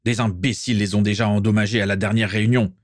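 A man doing a proud old aristocratic wizard in a storybook reading, curt and haughty, with a low voice. The recording is close and dry, with no room sound. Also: expressive, measured pace, no room sound. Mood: haughty, cold.

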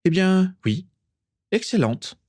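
A man's voice: high voice, big pitch swings, takes it slowly, a little mellow, no room sound, voice pushed up, heavily acted. A man reading a storybook aloud, voicing a proud, tense young nobleman wizard.

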